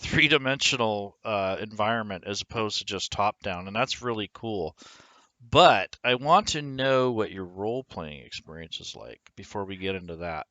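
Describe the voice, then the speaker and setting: A man's voice: lowish voice, bright, forceful tone, no echo, dull audio. A man hosting an online interview, friendly and hesitant, with frequent ums while he asks questions. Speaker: host.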